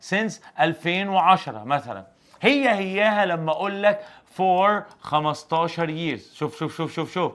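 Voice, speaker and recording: High-voiced Egyptian Arabic teacher. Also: male voice. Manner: animated and joking, full of rhetorical questions. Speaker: English teacher. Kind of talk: exam review lesson.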